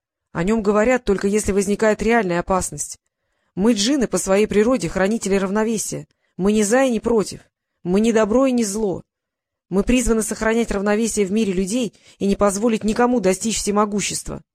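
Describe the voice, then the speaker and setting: A woman's voice: medium pitch, brisk, a little mellow, natural voice. A woman voicing a cunning, boastful male genie who turns flustered and wheedling, in an audiobook reading. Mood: explaining.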